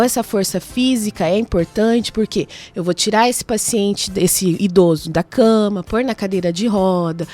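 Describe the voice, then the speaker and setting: A woman's voice: a little high, darkish tone. A woman with a Brazilian Portuguese accent, a nurse answering interview questions in a radio studio, listing points and checking in with tag questions. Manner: explanatory, lists points with frequent tag questions.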